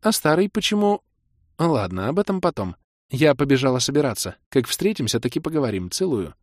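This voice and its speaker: A man's voice: mid-range voice, very animated, dry recording, clean studio sound, pitched above the performer's own voice. A man reading an audiobook voices a hot-tempered young woman who scolds her boyfriend, then teases him. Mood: hurried. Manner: indignant, scolding, quick to forgive. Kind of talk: audiobook character voice.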